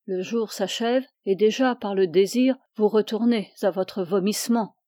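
Une femme qui prête sa voix à un mentor spirituel âgé et sévère, qui fait des reproches d'un ton dur. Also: female voice, mid-range voice, normal speed, mellow, no room sound, clean studio sound, lightly acted. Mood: reproving. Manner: stern, reproving. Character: stern older male spiritual mentor, severe.

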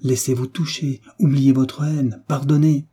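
A man's voice: medium pitch, level tone, unhurried, mellow, slightly rough, voice pushed up. A man doing Philippe, an earnest young son. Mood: pleading. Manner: earnest and pleading. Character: young nobleman son, earnest, devoted, resolute.

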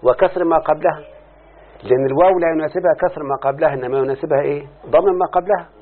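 A man's voice: a little high, rapid-fire. A man with an Egyptian accent teaching a grammar lesson, drawing out key words and asking his students to confirm each step. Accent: Egyptian Arabic. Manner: repeats questions to students, stretches out key words. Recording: phone-like lo-fi recording.

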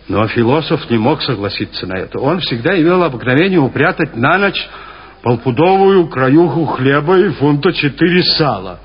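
A man's voice: on the high side, normal speed, husky. Theatrical man reading a classic tale. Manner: theatrical, lively storytelling. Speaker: audiobook narrator. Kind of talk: expressive literary reading. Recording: dull lo-fi archive studio recording.

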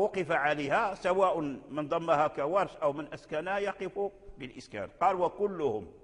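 A Moroccan man gives a lecture on Quranic readings, going back over each point patiently and stopping to chant verses slowly. His voice sits a little high for a man. The room rings with a long, echoing reverb. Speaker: Quran recitation teacher.

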